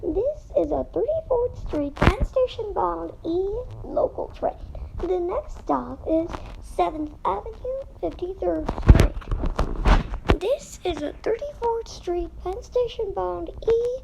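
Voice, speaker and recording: Measured American woman announcing over a noisy train intercom. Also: extremely high pitch, animated, creaky. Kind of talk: scripted automated transit announcement. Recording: noisy subway car intercom recording.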